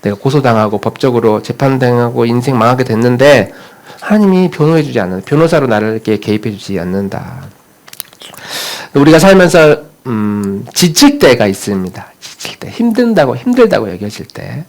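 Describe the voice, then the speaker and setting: A man's voice: mid-range voice, sing-song, moderate pace, a little mellow. A man preaching a sermon as pastor in a church, talking conversationally and putting questions straight to the congregation.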